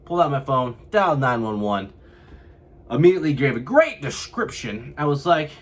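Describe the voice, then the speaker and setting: A man's voice: medium pitch, big pitch swings, normal speed. A young man from California, telling a vlog story to camera and acting out what others said. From California, USA. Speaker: vlogger.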